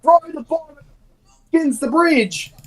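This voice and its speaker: A man's voice: very high-pitched, animated, slow pace. A man coaches a friend through a game over a voice call and keeps repeating his instructions. His connection drops, so his voice keeps cutting in and out and sounds far off in places. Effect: voice cutting in and out over an online voice call. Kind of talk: casual voice chat during a game stream.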